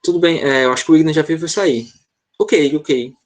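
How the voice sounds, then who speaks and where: A man's voice: a little high, moderate pace. A Brazilian man teaching an online English class, talking casually and checking in with students often. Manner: chatty, relaxed, checks in often with "tá?".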